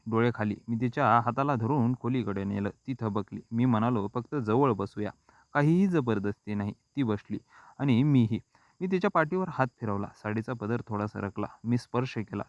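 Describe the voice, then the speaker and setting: A man narrating a scripted first-person story in a slow, intimate, reflective way. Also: medium pitch, no echo, lo-fi sound.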